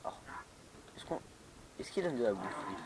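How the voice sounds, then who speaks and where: A man's voice: medium pitch, sing-song, normal speed, background noise. Hesitant man commenting on his game. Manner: hesitant, many fillers and restarts, laughing to himself. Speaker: gamer playing a modded block-building game. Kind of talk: casual let's play commentary.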